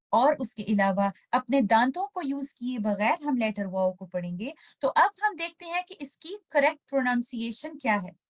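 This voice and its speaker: A woman with an Urdu accent teaching Tajweed, patiently explaining each rule and then slowly reciting the example words. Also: on the high side. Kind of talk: step-by-step recitation lesson.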